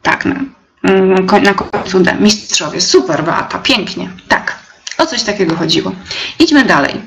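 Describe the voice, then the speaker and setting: A young woman teacher leading a live webinar, explaining step by step with many fillers and pauses. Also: medium pitch, lively intonation, creaky, background noise. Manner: slow, hesitant, many fillers, reads out chat replies.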